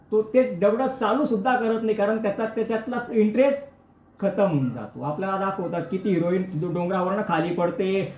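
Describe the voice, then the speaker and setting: Male preacher, storytelling sermon with sung verses; reverberant, dull-sounding recording. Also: sits high. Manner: storytelling, addresses listeners directly, breaks into chanted verses. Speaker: kirtan preacher.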